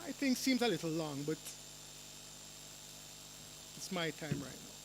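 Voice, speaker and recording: Male professor for a forum speech, light high voice, measured rhetorical delivery, dry asides, faint hiss behind. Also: very animated. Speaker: university professor giving a speech. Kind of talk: formal prepared speech. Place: lecture hall or forum room.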